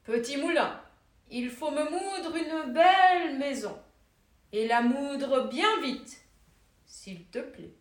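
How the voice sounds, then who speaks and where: A woman voicing a kind, generous poor woodcutter, calling out his lines loud and slow. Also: high voice, expressive, recorded from a distance. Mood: commanding. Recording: echoey room, voice off-mic.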